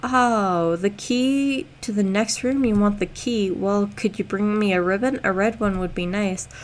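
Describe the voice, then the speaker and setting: A woman reading aloud a gentle, chatty young woman in a video game, soft-spoken. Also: mid-range voice, measured pace, lightly acted. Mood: teasing.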